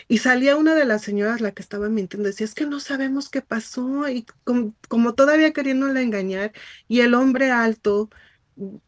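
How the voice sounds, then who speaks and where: A woman's voice: a little high, no room sound. Woman teaching Bible study, dry close sound. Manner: personal, searching storytelling with many restarts.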